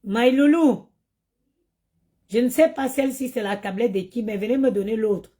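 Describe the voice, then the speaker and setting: A woman's voice: a little high, fairly quick, warm tone, husky. A tired woman chatting to her viewers on a phone live stream, talking about motherhood and her online group. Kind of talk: casual live-stream chat.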